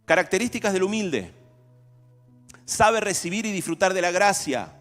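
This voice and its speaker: Male pastor, somewhat high voice, animated and chatty, echoey church hall with soft music behind. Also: normal speed. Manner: animated, acts out everyday dialogues. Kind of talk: conversational sermon.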